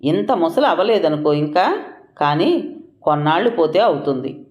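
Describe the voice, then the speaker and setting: A man's voice: on the high side, very animated, normal speed, dull audio. Narrator doing a sad, stern father in a roomy audiobook. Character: troubled middle-aged father, sad and stern. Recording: roomy echoing room.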